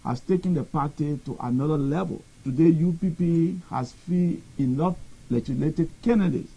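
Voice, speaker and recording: A man, a panel guest speaking for his party in a deliberate way. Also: on the high side, creaky, warm tone, husky, lo-fi sound. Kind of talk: answering on a political panel.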